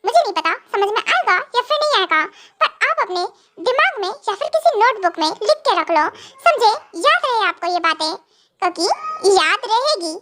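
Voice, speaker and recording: A woman's voice: very high voice, sing-song, moderate pace, bright, forceful tone, exaggerated voice. A woman voicing a clingy, tearful young wife who pouts and speaks of herself in the third person, in a fan audio drama. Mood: scolding.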